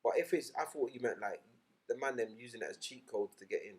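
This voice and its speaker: Animated man, podcast co-host. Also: medium pitch, fast talker, breathy edge. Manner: animated, emphatic, swears often. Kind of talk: casual chat.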